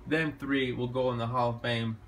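A vlogger shows off his small bedroom in a relaxed, boastful room tour, filming it indoors at home on a handheld phone camera. His mid-range voice is steady in tone and moves at a normal speed.

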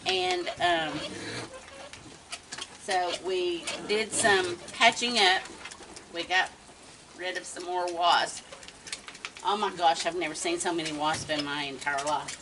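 At night on an outdoor wooden deck, a wildlife feeding livestream host in her fifties feeds raccoons and chats casually. She speaks at a fairly low pitch, telling a story slowly with many pauses and ums while stopping to softly greet and coo at the animals. The fixed camera sits a few meters off, so her voice sounds distant against clear outdoor background noise.

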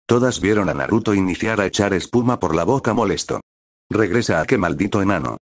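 A man narrates a fan-fiction story and reads it out at a steady pace. His voice is deep and low. The recording is dry and close, with no room sound. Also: no echo. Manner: steady reading aloud.

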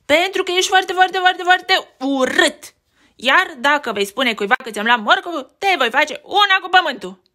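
A woman voicing a big mean male bully rabbit in a storybook reading, yelling insults and stretching out words. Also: sits high, expressive, voice pushed up. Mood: taunting. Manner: yelling insults, slow drawn-out repeats.

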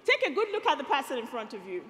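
A woman from Nigeria delivers a rousing rally speech on an arena stage, speaking into a headset mic. Her voice sits very high and sounds bright and forceful, and her pitch swings a lot as she builds to call-and-response shouts. Long reverb from the hall trails every line. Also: wildly swooping pitch, fast, slight background noise.

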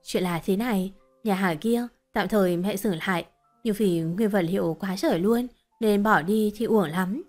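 A woman's voice: mid-range voice, moderate pace, darkish tone, faint music behind, natural voice. A woman voicing a scheming, whining middle-aged mother-in-law in a told story, wheedling and complaining.

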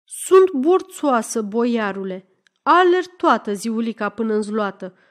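A woman's voice: fairly high pitch, very animated. A woman voicing a defiant, quarrelsome young peasant woman who protests shrilly in an audiobook story.

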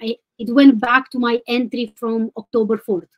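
Over a webcam video call from her home, a Romanian woman in her thirties hesitantly walks through her situation in step-by-step detail. Her voice is fairly high and darkish, with a level tone and moderate pace, and the recording is rough.

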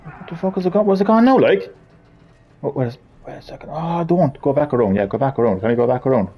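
A man's voice: mid-range voice, quick pace, husky, muffled recording. A man giving gameplay commentary, frustrated, swearing and muttering to himself as he plays. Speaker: gamer.

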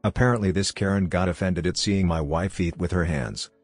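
A man reading a story in first person with a plain, even delivery. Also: sits low, brisk, no echo. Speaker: story narrator. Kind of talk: scripted story narration. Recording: dry close voice, faint background music.

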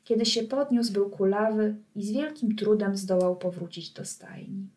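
A woman's voice: mid-range voice, fairly even intonation, moderate pace, mellow. Woman reading a children's story. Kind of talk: reading a children's book aloud.

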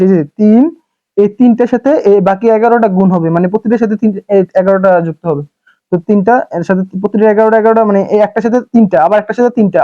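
A high-pitched man teaches a casual lesson, drilling syllables twice over. The sound is thin and tinny, like a phone line. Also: mellow. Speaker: Japanese teacher.

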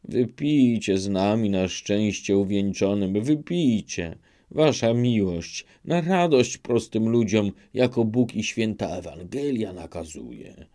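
Man doing old peasant elder, pleading, rustic speech, pitched up, slow. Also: lively intonation, warm tone.

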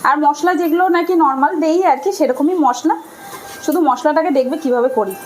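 Talking to her audience as she cooks at home, this vlogger keeps things casual and conversational. Her high voice is slightly fast and a touch mellow, captured on a low-quality recording with a faint hiss or hum and kitchen sounds behind her.

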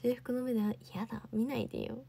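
High, husky young woman chatting live. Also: level tone, quick pace, warm tone. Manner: chatty, answers viewer comments. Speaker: idol livestream host. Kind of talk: casual livestream chat reading comments.

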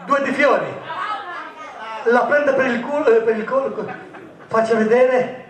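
A man's voice: extremely high pitch, unhurried, a crowd in the background. A man performing as a stage magician, giving jokey, teasing patter to volunteers in a live comic magic show. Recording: echoey, distant stage recording.

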